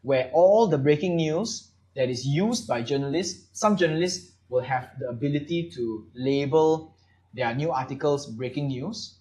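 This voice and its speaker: A man's voice: on the high side, measured pace, dark tone. Casual male podcast host explaining. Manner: rambling explainer with many fillers. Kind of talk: casual panel chat.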